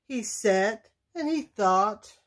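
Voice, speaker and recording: A woman reads a children's picture book aloud at bedtime. She takes her time, with a slow, expressive delivery in a mid-range voice. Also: mid-range voice. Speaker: storyteller. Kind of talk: bedtime story read-aloud.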